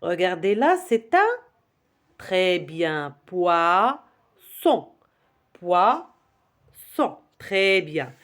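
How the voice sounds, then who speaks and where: Slow, lively woman teaching phonics. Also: on the low side, clear, resonant tone. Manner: slow, lively, repeats words and syllables for children to echo. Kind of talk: classroom phonics lesson for young children.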